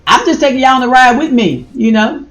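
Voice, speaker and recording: A middle-aged woman, chatting casually to her viewers as she browses and reacts out loud. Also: high-pitched, brisk. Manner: animated, exclaims and talks to viewers as y'all. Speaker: vlogger. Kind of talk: casual vlog commentary while browsing online. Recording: echoey room with faint music.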